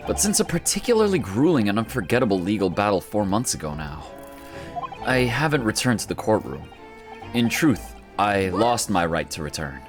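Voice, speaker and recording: Guy reading as earnest young lawyer guy in a game, polite, lowish voice. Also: sing-song, normal speed, music in the background. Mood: reflective. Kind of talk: reading game dialogue and narration in character.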